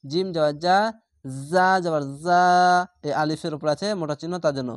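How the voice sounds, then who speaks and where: Man slowly spelling out recitation. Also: on the high side, fairly even intonation, dry recording, studio quality. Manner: spells syllables aloud, then chants words slowly and drawn out. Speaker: Quran reading teacher. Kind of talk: slow spelled-out recitation lesson.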